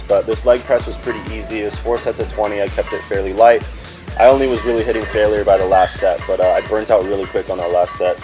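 A young man in his twenties, a fitness vlogger talking casually over his workout footage and addressing viewers as guys. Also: on the low side. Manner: relaxed, chatty, talks to viewers as "guys". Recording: music playing underneath.

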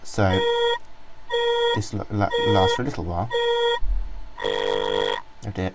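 This software reviewer has a low voice with wildly swooping pitch, a slow pace and vocal fry, and the recording is very noisy. He rambles casually through a screen-recorded program walkthrough, with many ums and restarts.

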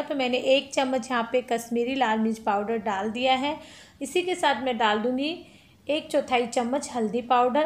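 Speaking in a high voice, a cooking-channel host chats through a recipe one step at a time from her home kitchen, calling her audience friends.

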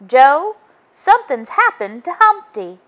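A woman voices a fretful, dramatic young girl from a nursery rhyme, fully in character. She pitches her voice above her own, high and sing-song with a fairly bright tone, speaking a little slowly and sounding distressed.

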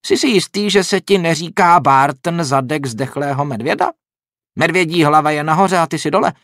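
A man voicing a calm, sly male traveller posing as a farmer, who teases in a soft, unhurried way in an audiobook. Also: a little high, no echo, studio quality, voice pushed up. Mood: teasing. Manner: calm, soft-spoken, teasing.

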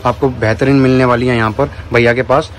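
In a crowded indoor cooker shop, a male vlogger chats casually with the seller and repeats his answers for viewers. His mid-range voice stays steady and fairly quick over a noisy background.

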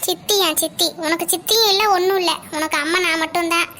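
A woman's voice: very high-pitched, fairly even intonation, fast, sharp tone, slight background noise. A woman voicing a harsh scolding cartoon mother. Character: stern scolding middle-aged mother, sharp-tongued. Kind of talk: cartoon dialogue acting.

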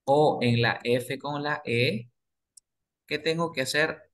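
Slow-spoken man teaching English basics. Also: medium pitch. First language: Spanish. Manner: repeats words slowly, asks and answers his own questions. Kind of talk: explaining grammar to beginners.

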